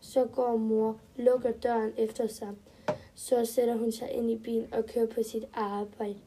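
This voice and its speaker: Woman storyteller, first-person kids' tale, simple sentences, mellow tone. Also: fairly high pitch, little pitch movement, slight background noise. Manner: simple short sentences, step-by-step telling.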